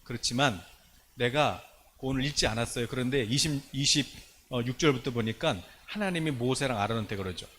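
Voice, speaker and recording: A man preaching as a pastor, telling the story in an animated way and throwing out rhetorical questions. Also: mid-range voice, fairly quick, slight background noise. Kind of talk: sermon.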